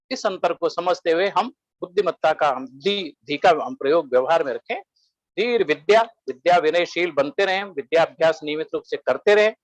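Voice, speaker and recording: A man giving a webinar lecture, listing points one by one in a measured way and quoting Sanskrit verses. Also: high-pitched, no echo, rough recording.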